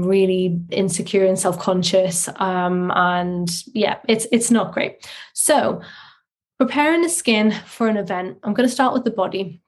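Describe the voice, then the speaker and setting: Woman doing a casual solo podcast, chatty, average pitch, kinda low quality mic sound. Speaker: podcast host. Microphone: faulty microphone. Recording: low-quality, poor microphone audio.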